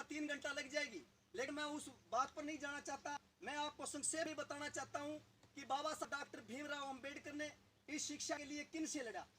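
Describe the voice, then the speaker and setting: A man's voice: very high voice, pushed and bright, slight background noise. A man giving a political speech to a village gathering, asking the audience rhetorical questions. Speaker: local party leader.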